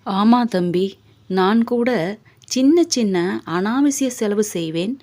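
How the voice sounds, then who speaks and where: A woman voicing a gentle aging father. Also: medium pitch, lively intonation, takes it slowly. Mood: tender. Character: aging middle-class father, gentle and tender.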